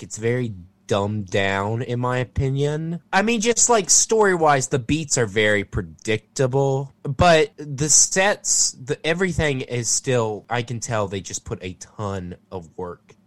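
A man's voice: mid-range voice, no room sound. A man co-hosting a podcast about films, talking in a playful, loose and opinionated way. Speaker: podcast co-host. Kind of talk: casual podcast chat.

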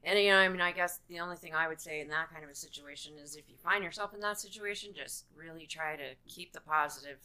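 A woman's voice: deep voice, fast, few pauses, bright, forceful tone. A woman from Colorado co-hosting a casual chat, agreeable and playful, laughing easily. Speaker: podcast co-host.

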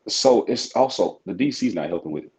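A man, a football coach, giving calm, smooth analysis as a podcast guest. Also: fairly low pitch, a little fast. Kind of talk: casual sports podcast interview. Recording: slightly dull lo-fi sound.

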